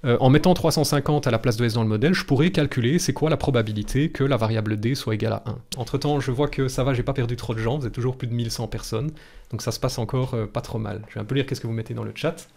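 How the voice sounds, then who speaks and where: A quick-talking man with a gravelly, darkish mid-range voice leads an informal live statistics tutorial, breaking things down step by step. In his thirties and carrying a Belgian French accent, he stays close to the mic in a small indoor home room, chatty and reassuring with a blunt, joking streak.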